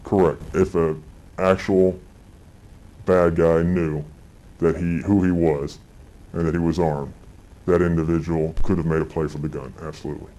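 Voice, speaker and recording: A man whose voice has been electronically disguised, pushed far down into a very deep, artificial register. He speaks bluntly and critically as an anonymous source in a news report, stopping and restarting with fillers now and then. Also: flat delivery, normal speed, long pauses, mellow. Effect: electronically disguised, pitched-down deep voice. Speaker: anonymous federal agent source. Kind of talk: interview clips in a news report.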